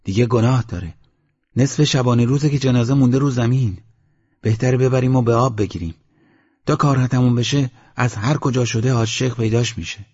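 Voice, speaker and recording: A man reading a calm older village adviser. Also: mid-range voice, breathy edge, pitched above the performer's own voice, lightly acted. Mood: calm advising. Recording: dull lo-fi recording.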